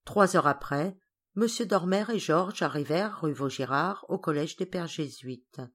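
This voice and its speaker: A woman narrating a classic children's novel as an audiobook reader, calm and even. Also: deep voice, measured pace.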